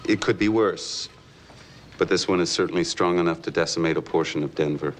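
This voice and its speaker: Grave military weapons adviser played by a man, deep, deliberate delivery, film drama, faint room noise. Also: natural voice. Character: grave male weapons adviser briefing leaders. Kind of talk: TV disaster film acting.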